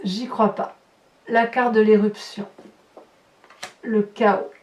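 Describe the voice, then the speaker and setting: Her mid-range, darkish voice comes across flat and slow, with the highs cut off, as this channel host improvises a tarot reading for viewers. She breaks into astonished, exclamatory asides over the cards, recorded on a distant mic with roomy echo and background noise.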